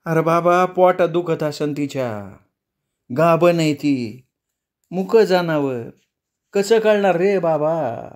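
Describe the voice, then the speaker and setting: A man's voice: a little high, flat delivery, normal speed, a little mellow, pitched above the performer's own voice, natural voice. A male storyteller voicing an anxious, tearful poor older woman in an audiobook. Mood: pleading. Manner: tearful, pleading.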